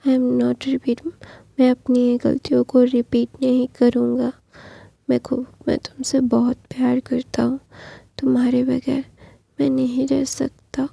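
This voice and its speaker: A woman's voice: high voice, completely flat delivery, unhurried, creaky, mellow, no room sound, heavily acted. A woman voicing a possessive, devoted young husband in whispered role-play, pleading and threatening in turn. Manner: pleading then menacing.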